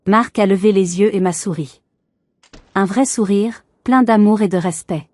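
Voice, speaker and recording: A woman telling a first-person story in a calm, even, measured way. Her tone is dark and mellow. The recording is dry and close-miked. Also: medium pitch, dry recording.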